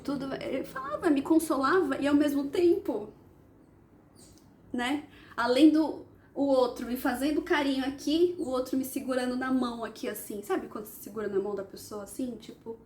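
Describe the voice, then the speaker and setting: A Brazilian Portuguese-accented woman tells a personal story on her channel. Her voice sits somewhat high, and she speaks in a halting, reflective way, pausing often to search for words. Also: a little mellow, slight background noise. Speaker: vlogger.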